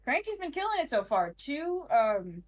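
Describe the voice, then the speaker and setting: A woman's voice: high-pitched, big pitch swings, normal speed. Chatty young female esports caster. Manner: chatty and rambling. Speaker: esports commentator. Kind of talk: live casual color commentary.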